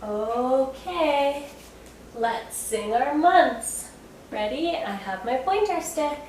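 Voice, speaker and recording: A woman's voice: high-pitched, animated, drawn-out words, a little mellow. A woman speaking like a kindergarten teacher, leading young children through circle time in simple, encouraging phrases. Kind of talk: children's circle time lesson with sing-along songs. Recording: very echoey room, distant mic, faint noise.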